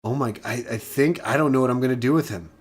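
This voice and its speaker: A man's voice: mid-range voice, fast. Goofy, chatty man narrating gameplay. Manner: chatty, goofy and self-mocking. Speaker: gaming channel host. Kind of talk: casual gameplay commentary.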